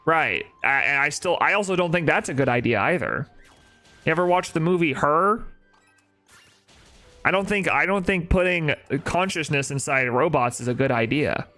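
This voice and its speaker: Bright-voiced young man streaming. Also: fairly high pitch, animated, moderate pace, soft background music. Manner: opinionated, talks back to chat with rhetorical "right?". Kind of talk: casual live-stream chat.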